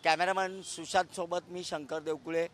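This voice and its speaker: A man reporting live from an outdoor town square, steady with brief hesitations. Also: a little high, normal speed. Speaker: field reporter. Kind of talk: live news report from the scene.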